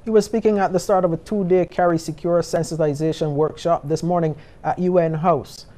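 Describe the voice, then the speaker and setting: A man's voice: fairly high pitch, fairly even intonation, fairly quick, warm tone. A middle-aged man with a Barbadian accent reading scripted news as a studio anchor.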